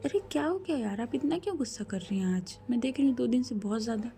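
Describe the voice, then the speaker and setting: A woman's voice: on the high side, animated, quick pace, vocal fry, warm tone, a little hiss or hum. A woman storyteller voicing a caring young woman who asks worried, coaxing questions. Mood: concerned. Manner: concerned, coaxing.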